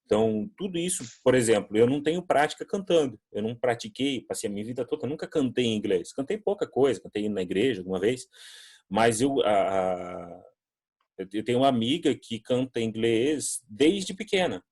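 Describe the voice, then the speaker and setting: A man from Brazil teaches an online English class in a chatty, animated way. His voice sits in a middle register, and he slips into little acted-out voices when quoting people. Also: mid-range voice, a little fast. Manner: conversational, animated, acts out quoted voices. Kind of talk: online class answering student questions.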